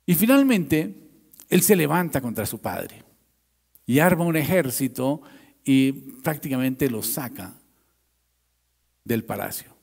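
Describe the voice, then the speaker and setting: A male pastor preaching a sermon in a church. He tells the story dramatically, swinging from loud, raised lines to hushed ones. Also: mid-range voice, very animated, takes it slowly, vocal fry, long pauses, slightly rough, big-room sound.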